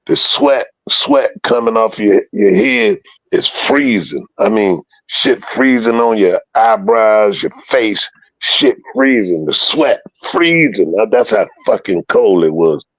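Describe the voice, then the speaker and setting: A gravelly-voiced man spins a story for an interviewer, cursing freely and slipping into the voices of the people he quotes. His pitch sits in a middle range. The recording is dull and lo-fi, with a dry, close sound. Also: takes it slowly, no room sound. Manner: profane, animated, acts out quoted voices. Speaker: interview guest telling a story. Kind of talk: casual storytelling.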